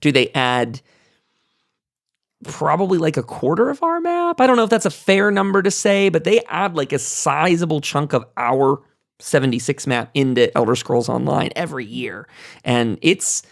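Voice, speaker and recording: A podcast host runs a casual gaming panel, talking in a rambling, self-interrupting way and thinking aloud with hedges. His slightly high, gravelly voice has lively intonation and a moderate pace, recorded at studio quality with no room sound.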